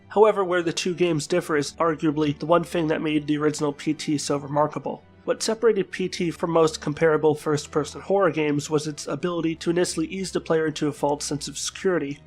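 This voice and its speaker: Hosting his channel, a man reads a scripted video game review while sick with what sounds like the flu, his voice stuffed-up, congested and gravelly. He pitches a little high and phrases things in a formal, wordy way, with faint music playing behind him.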